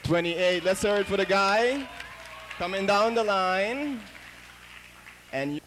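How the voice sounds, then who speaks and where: A man's voice: sits high, expressive, takes it slowly, noisy background. A man hosting a TV show, chatty and upbeat, passing questions along and introducing guests. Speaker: TV show host.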